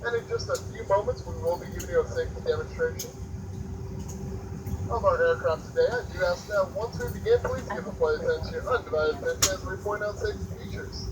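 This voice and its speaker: A man making a formal, courteous in-flight announcement as lead flight attendant over an airplane cabin PA loudspeaker. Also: sits high, huge pitch swings, fast. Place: airliner cabin before departure. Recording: distant PA heard over cabin engine noise. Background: aircraft engine and cabin hum.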